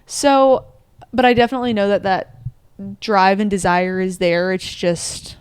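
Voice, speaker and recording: A young woman in her twenties chats earnestly on a podcast and thinks aloud as she goes. Her voice is smooth and clear at an ordinary pitch. The sound is dry and close. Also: a little slow, dry recording. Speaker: podcast co-host. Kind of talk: casual reflective chat.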